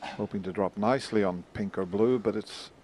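A man giving hushed, measured snooker commentary in a low-key manner. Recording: crowd and hall noise behind voice. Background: snooker arena crowd ambience.

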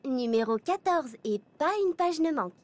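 A woman's voice: high voice, expressive, normal speed, dry recording. A woman in a French game dub playing a cheerful, teasing ten-year-old girl. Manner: bright, chatty and teasing.

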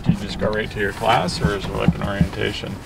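A father in a car, calmly reassuring his daughter on the drive to school. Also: on the low side, fast talker, gravelly, recorded from a distance. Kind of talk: casual chat. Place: inside a car. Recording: noisy car, voice from off-mic.

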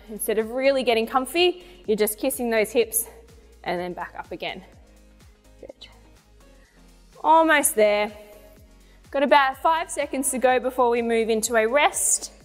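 High-voiced woman coaching a workout. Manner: encouraging, cueing movements while demonstrating them. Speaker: fitness instructor. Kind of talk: guided home workout instruction with counts and cues. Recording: long reverberant room, music behind. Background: music.

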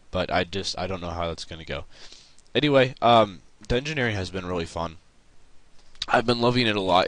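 A man's voice: sits low, a bit bright, no room sound. A young man giving casual, rambling gameplay vlog commentary in a self-deprecating way, recorded close to the mic. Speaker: gaming video host. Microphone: close mic, voice-over on screen capture.

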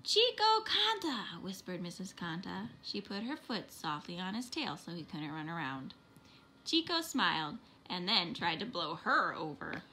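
A woman's voice: on the low side, moderate pace, slight background noise. Woman reading a picture book aloud. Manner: expressive, animated read-aloud. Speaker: storybook reader.

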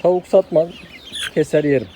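A man's voice: on the high side, normal speed. Man chatting outdoors among clucking hens. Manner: asks many questions, addresses viewers directly. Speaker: channel host interviewing a poultry keeper. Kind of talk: casual outdoor chat with viewers. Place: outdoor garden with poultry. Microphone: handheld phone camera. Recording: clear outdoor noise with chickens.

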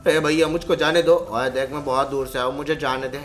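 A man doing excited gameplay commentary, switching between playful cartoon character voices. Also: medium pitch, fairly quick, faint music behind. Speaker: gaming YouTuber.

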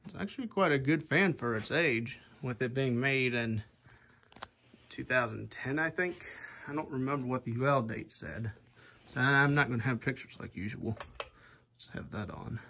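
This young man hosts a ceiling-fan collector vlog, chatting loosely with many "anyway"s as his handheld phone points up at a fan indoors under exposed rafters. His medium-pitched voice is gravelly and sharp at a normal pace, with a little hiss or hum.

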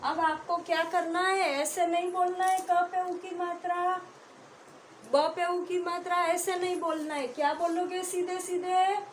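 A woman teacher giving a slow phonics lesson to small children, sounding out syllables one by one and asking and answering her own questions. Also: very high-pitched, little pitch movement. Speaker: pre-primary teacher. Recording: echoey classroom with faint noise.

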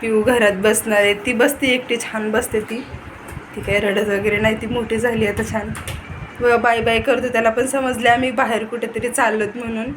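A woman's voice: fairly high pitch, level tone, moderate pace. A young woman, chatting casually to the camera in a home vlog as she looks after her children. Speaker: vlogger. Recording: noisy home recording.

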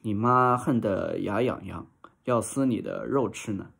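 A man's voice: on the low side, measured pace, creaky, fairly bright tone, slightly rough, heavily acted. A man reading a scolding old serving woman. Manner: scolding, stubborn. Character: greedy, muddled old female servant.

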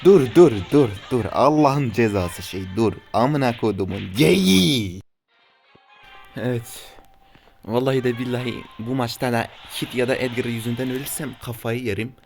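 A young man giving casual commentary as he plays a mobile game, often cursing and yelling at rivals. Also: mid-range voice, moderate pace, gravelly, soft background music. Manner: swears and shouts at opponents in frustration. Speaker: gaming YouTuber.

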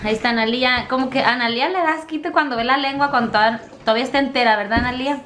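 A woman's voice: high voice, rapid-fire. A woman vlogging from home, chatting casually with her viewers and often addressing them as girls. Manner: chatty, warm toward viewers, often calls them "chicas". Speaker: family vlogger, mother.

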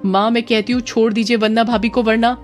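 A defiant young woman who firmly stands up to her mother, voiced by a woman storyteller. She speaks firmly and insistently. Soft music plays faintly behind her. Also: a little high, flat delivery, a little fast, voice pushed up, natural voice. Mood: firm, pleading. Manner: firm, insistent. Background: faint background music.

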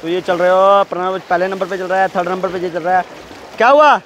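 High-voiced man commentating poolside. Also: completely flat delivery, fast talker, a bit bright, dull audio, a little hiss or hum. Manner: chatty, calls out encouragement to swimmers. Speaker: vlogger filming a school swimming meet. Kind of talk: casual commentary to camera. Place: outdoor swimming pool at a school competition.

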